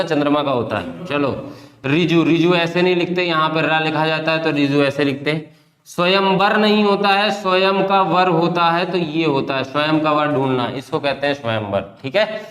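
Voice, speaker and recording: A man's voice: fairly high pitch, a bit bright. A man teaching a spelling class for exam preparation, repeating each word, asking his students questions and calling them affectionately by pet names. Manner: addresses students fondly as beta and bhaiya. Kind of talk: exam-prep class lecture. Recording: echoey classroom with long reverb.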